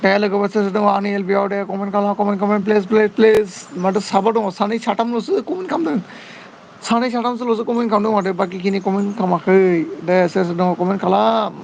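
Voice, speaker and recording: High gravelly man chatting on a livestream. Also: steady tone, a little fast, a little mellow, slight background noise. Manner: chatty, keeps pleading for comments and friend requests. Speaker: live streamer reading viewer comments. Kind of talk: casual livestream chat. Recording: dull lo-fi sound.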